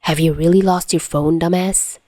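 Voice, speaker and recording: A woman's voice: on the low side, steady tone, normal speed, dark tone, no room sound, clean studio sound, lightly acted. A woman reading the text messages of a brash, mocking teenage boy who is impatient and insulting, in a podfic. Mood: impatient teasing.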